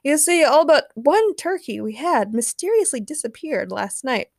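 A woman's voice: high voice, very animated, normal speed, gravelly, no room sound, pitched above the performer's own voice, exaggerated voice. A woman voicing an easygoing, apologetic male turkey rancher, close to her own voice.

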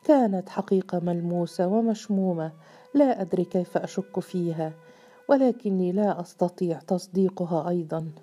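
A woman reads as a lovesick young man in an audiobook story, hesitant and troubled. The low, mellow reading voice carries over faint music. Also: brisk, natural voice. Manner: hesitant, sharp at times.

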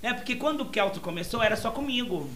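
A woman's voice: fairly high pitch, lively intonation, fast talker, a crowd in the background. A woman radio presenter talking casually in a studio, chatty and repeating herself with little tag questions.

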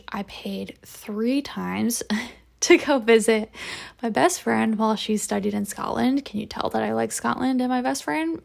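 A young woman in her twenties hosting a casual solo podcast, chatty, with lots of "like" and "um" and soft laughs. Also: fairly high pitch, gravelly. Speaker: podcast host. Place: home room with a window to the street.

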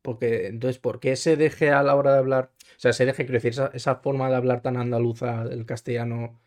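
A man's voice: mid-range voice, little pitch movement, brisk, darkish tone. A man co-hosting a podcast, chatting casually about films, rambling with many restarts. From Valencia. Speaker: podcast co-host. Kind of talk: casual film chat.

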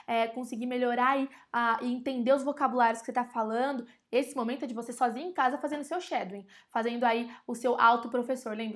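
A woman's voice: high voice, fairly bright tone. A woman with a Brazilian Portuguese accent teaching English in a casual online lesson, chatty and often addressing her audience directly. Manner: slows down to spell and repeat example words.

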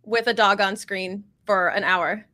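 Bright-voiced woman co-hosting a podcast. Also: medium pitch, steady tone, a little slow, dry recording. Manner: chatty, upbeat, laughs often. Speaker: podcast co-host. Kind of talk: casual chat.

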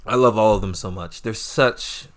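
A man's voice: lowish voice, moderate pace. A man in casual podcast chat about a TV show, swearing freely and acting out scenes as he retells them. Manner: profane, animated retellings of scenes. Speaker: podcast co-host.

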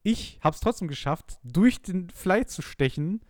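A man's voice: high-pitched, lively intonation, unhurried, no room sound, clean studio sound. A man co-hosting a casual podcast, telling a story in a chatty way with hesitant restarts. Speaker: podcast co-host. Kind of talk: casual chat about darts.

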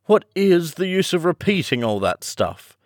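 A man voicing a mournful, sobbing Mock Turtle creature who complains insistently and sings slowly. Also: high voice, very animated, no room sound, studio quality, pitched above the performer's own voice. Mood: fussy.

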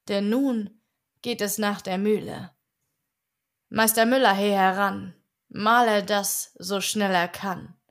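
A woman reading a rhymed children's story aloud as a calm bedtime audiobook. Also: mid-range voice. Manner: slow, soothing rhymed recitation. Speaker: audiobook reader.

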